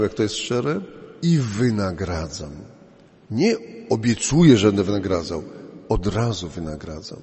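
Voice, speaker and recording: Emphatic preaching man, reverberant church. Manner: slow, emphatic preaching with swings in pitch and loudness. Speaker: priest. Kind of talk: sermon.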